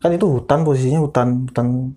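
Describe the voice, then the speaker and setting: A man casually telling a ghost story, animated and acting out other people's lines. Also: mid-range voice, fast. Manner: animated, quotes people in voices. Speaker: guest storyteller.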